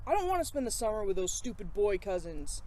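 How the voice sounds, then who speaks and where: Storybook role: sulky, petulant little girl, performed by a woman, mid-pitched, complaining. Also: sing-song, fast talker, a little mellow, slight background noise, lightly acted. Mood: sulky, indignant. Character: sulky, huffy young girl who dreads her cousins. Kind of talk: storybook character reading.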